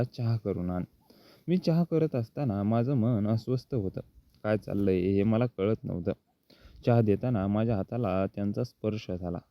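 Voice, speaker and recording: A man narrates a first-person story in a measured, steady voice that sits on the low side. The recording is dull and lo-fi, with a dry sound and no room echo.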